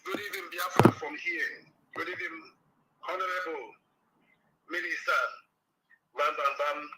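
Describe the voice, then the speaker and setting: A man calling in by phone, heard over a speakerphone on a noisy line, ranting angrily and shouting his points with heavy repetition. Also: a little high, big pitch swings, normal speed, vocal fry. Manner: angry, shouting, emphatic repetition. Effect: phone call played over a speakerphone. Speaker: caller. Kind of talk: impassioned call-in rant.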